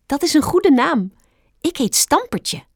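A woman voicing a cheerful little boy rabbit in a storybook reading, speaking high and eager. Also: very animated, slow, a little mellow, no echo, clean studio sound. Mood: eager, playful.

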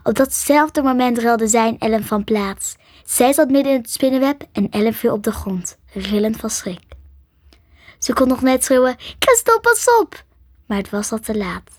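A woman narrating a storybook, her voice soft and half-whispered, pitched a little high. The recording is dry and close, with no room sound. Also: normal speed, no room sound. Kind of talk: storybook reading.

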